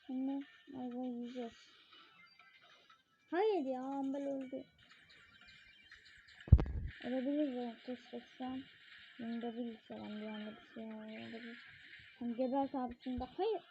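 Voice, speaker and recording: Excitable high-voiced woman narrating gameplay. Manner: excitable, keeps addressing viewers. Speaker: gaming channel host. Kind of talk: live mobile gameplay commentary. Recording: dull lo-fi recording with steady noise.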